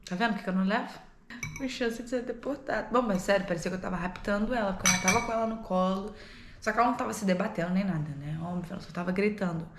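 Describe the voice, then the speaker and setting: A young woman, telling a story to her vlog in a lively, animated way, swearing, laughing and acting out the people in it. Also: medium pitch, racing, noisy background. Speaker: au pair vlogger. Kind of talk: casual storytelling to camera. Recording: echoey room.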